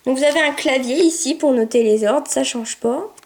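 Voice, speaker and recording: Chatty woman, high voice, excitable gameplay commentary that slips into cooing and barked commands. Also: normal speed. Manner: chatty, excitable, coos at her puppy. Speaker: gameplay video maker.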